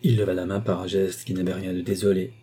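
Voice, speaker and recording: A man narrating a classic novel in a measured, even reading. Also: deep voice, breathy edge. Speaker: audiobook narrator. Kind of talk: scripted narration.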